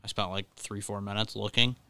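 A man co-hosting a casual sports chat, relaxed and a bit rambling. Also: fairly low pitch, a little fast, vocal fry, clear, resonant tone. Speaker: podcast co-host.

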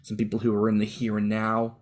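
A man's voice: on the low side, completely flat delivery, fairly quick, a little mellow. Chatty man musing on a podcast. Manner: chatty, musing, playful asides. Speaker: podcast co-host. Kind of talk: casual chat.

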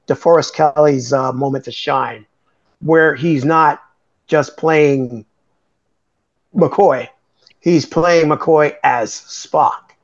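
A man with a slightly high, gravelly voice reviews a film in a slow, hesitant way, pausing on fillers. His audio is dull and lo-fi, as if from a remote setup. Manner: hesitant, many uh fillers, drawn out. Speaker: podcast co-host. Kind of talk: casual movie review chat.

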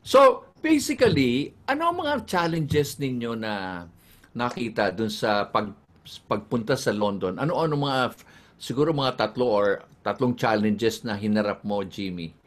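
A man's voice: medium pitch, very animated, measured pace. A man hosting a live online chat, switching between Tagalog and English and reading out the names of viewers. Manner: chatty, greets viewers by name. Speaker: host. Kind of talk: live-streamed casual chat.

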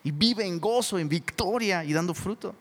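A middle-aged Mexican man preaching a sermon in a casual, animated way, often calling listeners "bro.". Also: sits high, normal speed. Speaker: pastor. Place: church hall. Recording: long hall reverb.

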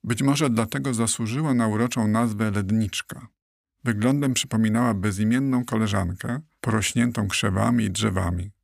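A man narrating a children's audiobook in a steady, clear storytelling manner, recorded close in a studio. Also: on the low side, normal speed, dry recording.

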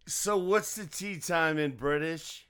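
A man's voice: on the high side, slow, fairly bright tone, smooth. A man co-hosting a podcast, teasing and chiming in playfully in casual chat.

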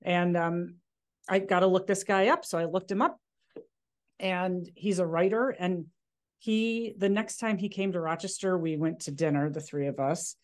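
Lowish-voiced rambling woman guest. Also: normal speed. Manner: rambling, many fillers and restarts. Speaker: magazine guest. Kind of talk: casual interview chat.

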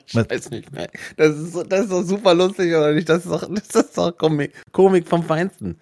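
A man's voice: on the high side, a little mellow, no room sound, studio quality. A man co-hosting a casual podcast, agreeing with his partner and laughing often. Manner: agreeing, quick to laugh, short interjections. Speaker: podcast co-host. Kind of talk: casual chat.

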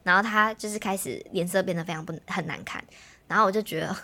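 A young woman, telling a personal story in animated, casual chat as a podcast host. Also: medium pitch. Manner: fast, animated storytelling, mimics others' voices.

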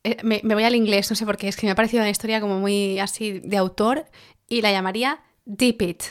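A woman from co-hosting a casual podcast, spinning a listener's story with lively, joking slang. Her voice sits at an ordinary middle pitch for a woman. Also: quick pace. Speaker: podcast co-host.

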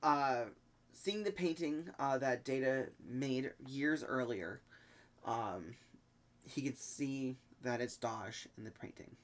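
A man hosting a podcast and recapping an episode in a relaxed way, with lots of ums. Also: medium pitch. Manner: easygoing, halting with many ums. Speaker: podcast host. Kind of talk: casual recap chat.

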